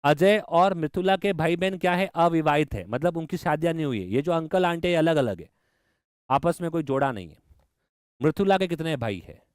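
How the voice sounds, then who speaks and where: Enthusiastic male reasoning teacher, crisp voice. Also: fairly high pitch, animated, normal speed, no room sound, studio quality. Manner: enthusiastic, talks to students directly, mixes in English terms. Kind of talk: online exam-prep lecture.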